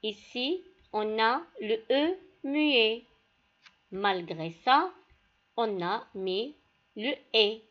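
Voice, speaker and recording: Slow, lively-voiced woman teacher. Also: on the high side, dull audio. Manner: slow, deliberate, addresses pupils directly. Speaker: primary school teacher. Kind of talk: classroom lesson.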